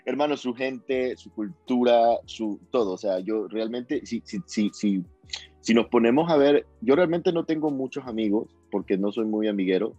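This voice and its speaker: A young Ecuadorian man with a coastal accent, appearing as a guest musician, rambles through a casual interview chat, repeating and restarting words. His medium-pitched, dark voice moves at a moderate pace. The audio is dull, with no room sound and faint music behind.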